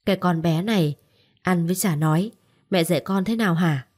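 A woman's voice: on the low side, brisk, darkish tone, close to an everyday voice. A bossy scolding mother, read by a woman.

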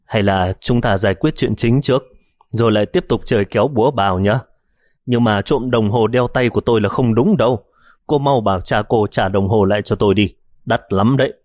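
A man's voice: fairly low pitch, fairly quick, darkish tone, no room sound, studio quality, close to an everyday voice. A man doing a cocky street-wise young cop. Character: cocky young male gangster turned cop.

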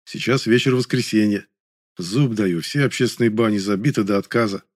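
A man's voice: fairly low pitch, normal speed, dry recording. A man reading an audiobook with dry, ironic storytelling. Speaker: narrator. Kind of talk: audiobook narration.

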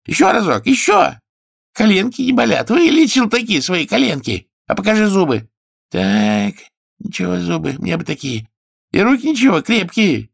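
Brief: a nasal, bratty old king, high and whiny, bossy. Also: huge pitch swings, normal speed, vocal fry, slightly rough, dry recording, studio quality, full character voice. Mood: whiny demanding. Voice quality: nasal, whining. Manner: querulous, bossy, shouting demands.

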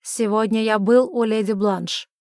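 A woman voicing a stern, furious middle-aged father who accuses and shouts at his daughter in an audiobook. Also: a little high, fairly even intonation, measured pace, dry recording, studio quality, natural voice.

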